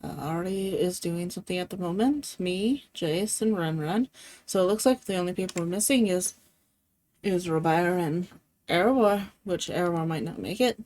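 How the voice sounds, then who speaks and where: A woman's voice: lowish voice, moderate pace, darkish tone. A woman streaming games, chatting casually, laughing often and swearing freely. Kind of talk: casual game-stream chat.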